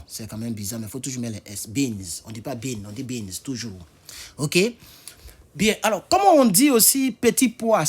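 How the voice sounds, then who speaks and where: A man's voice: mid-range voice, breathy edge. A man teaching English vocabulary in a casual spoken lesson, spelling words out letter by letter and talking straight to his viewers. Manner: spells words out letter by letter, repeats them slowly; chatty, talks to viewers directly.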